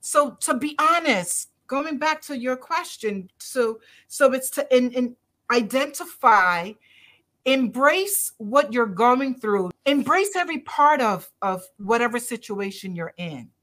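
A middle-aged Barbadian doctor, appearing as a podcast guest in a conversational interview, speaks slowly in a somewhat high, slightly bright voice with lively intonation. She is earnest and emphatic, often repeating her key phrases.

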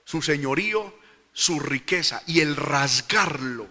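Fervent high-voiced male preacher, bright tone. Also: lively intonation, takes it slowly, in a large hall. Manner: fervent, keeps addressing listeners as brother. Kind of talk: sermon.

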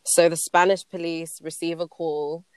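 Female podcast co-host, rambling storyteller, low-ish and smooth. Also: little pitch movement, moderate pace, a little mellow, no echo. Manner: chatty, laughs often, loses her place. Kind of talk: casual storytelling chat.

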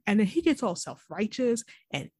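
Husky-voiced woman retelling scenes. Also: mid-range voice, big pitch swings, moderate pace, darkish tone, no echo, clean studio sound. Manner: chatty, acts out characters' lines with scorn. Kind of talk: casual TV recap chat.

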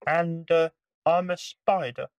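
A woman reading a storybook aloud and voicing a tiny, timid spider in a high, hesitant voice. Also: steady tone, takes it slowly, darkish tone, no echo, recorded from a distance.

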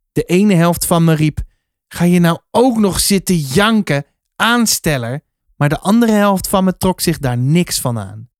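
A man reading a children's novel aloud in a calm, measured storytelling manner. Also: on the high side, dry recording, clean studio sound. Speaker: reader.

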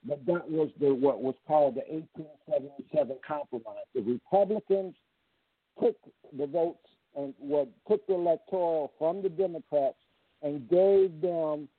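A man speaks over a phone call, his voice thin and boxed-in, with no room sound around it. He pitches a little high for a man and rambles through a casual history talk, often stopping and restarting his sentences. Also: moderate pace, breathy edge, dry recording. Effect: heard over a phone call. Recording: tinny dry phone line.

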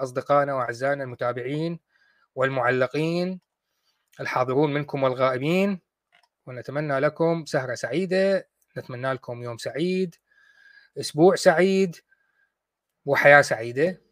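A man hosting a talk show, talking casually and mocking his opponents with quick acted asides. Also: medium pitch, a bit bright, no room sound, studio quality. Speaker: host of a call-in discussion show.

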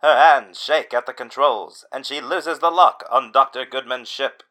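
A man giving mock-dramatic scripted narration in a deadpan, dramatic manner. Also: medium pitch, normal speed, poor audio.

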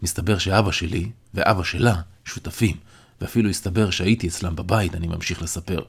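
A man narrating a novel aloud in the first person, in a measured, reflective way. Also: sits low, steady tone, vocal fry, slightly rough. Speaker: audiobook narrator.

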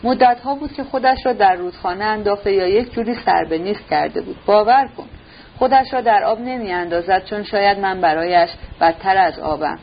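A woman's voice: medium pitch, close to an everyday voice. Bitter jealous young guy, a woman reading his lines, sarcastic, dull recording, light hiss. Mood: brooding. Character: brooding jealous young man, harsh and bitter.

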